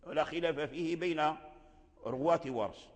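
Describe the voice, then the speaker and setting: This Quran recitation teacher, a man with a somewhat high voice, explains his classroom lesson at a moderate pace by saying every example word again and again. Each phrase trails away into a lengthy hall echo.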